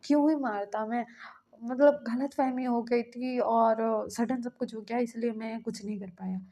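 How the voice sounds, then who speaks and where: A woman's voice: on the high side, fairly even intonation, a little slow, mellow. A woman voicing a meek young man who pleads and reassures apologetically, in a storybook reading. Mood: pleading.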